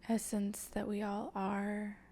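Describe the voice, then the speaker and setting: A woman hosts an improvised guided meditation as a channeler, her soft, breathy, mid-range voice often drifting toward a whisper. She speaks gently and haltingly in a monotone, leaving long pauses.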